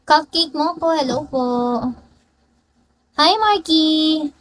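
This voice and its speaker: A woman's voice: high voice, slow pace, a bit bright, low-quality recording. A young woman live streaming on her phone, playfully greeting and teasing her viewers by name in casual chat. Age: young adult.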